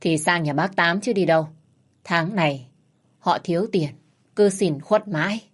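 A woman's voice: fairly low pitch, a little slow. Woman doing a scolding fretful mother. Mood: weary. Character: fretful wealthy middle-aged mother.

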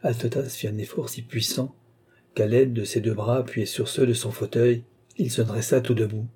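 A man narrating a classic novel as an audiobook, in a steady, literary storytelling manner. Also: mid-range voice, normal speed, slightly rough. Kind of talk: scripted narration.

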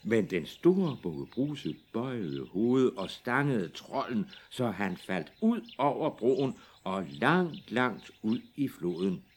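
A man reading fairy tales aloud for small children in a lively, expressive way. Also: mid-range voice, few pauses, a little hiss or hum. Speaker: storyteller.

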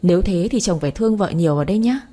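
A woman voicing a gentle, trusting young wife who speaks softly and pleadingly. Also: fairly low pitch, lively intonation, very fast. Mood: tender.

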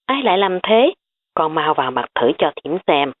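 A woman's voice: deep voice, very animated, normal speed. Woman reading a bossy middle-aged aunt barking orders, tinny phone-like audio. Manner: commanding, scolding.

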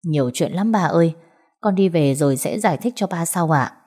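A woman's voice: on the low side, lively intonation, warm tone. Woman voicing an anxious, eager young father. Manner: polite, hurried.

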